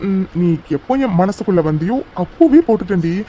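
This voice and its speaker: A woman's voice: medium pitch, animated, brisk, warm tone, slight background noise, natural voice. A woman voicing a young husband in a cartoon romance, teasing and coaxing his wife tenderly.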